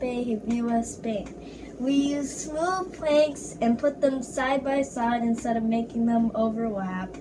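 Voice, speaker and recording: Woman playing an unlucky old-world sailor. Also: fairly high pitch. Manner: halting recital with restarts. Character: unlucky male sailor on an exploring voyage. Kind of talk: first-person history presentation. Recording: distant mic with background noise.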